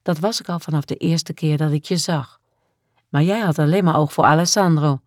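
A woman voicing a shy but passionate young woman in love, speaking softly and from the heart in an audiobook. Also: deep voice, moderate pace, dry recording, clean studio sound. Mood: loving. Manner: soft and heartfelt. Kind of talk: audiobook character voice.

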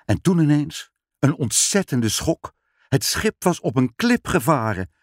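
A man reading a children's story aloud in an expressive storybook manner. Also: on the high side, a little slow, no echo, clean studio sound.

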